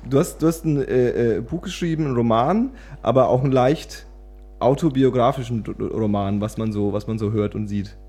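A man's voice: mid-range voice, a little fast, dark tone. A man interviewing a guest in a casual chat, often stumbling over and repeating his words.

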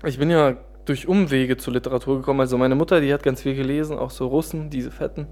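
A man from Germany, a guest author in a relaxed interview, speaking hesitantly with many pauses and restarts. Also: medium pitch. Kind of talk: casual interview talk.

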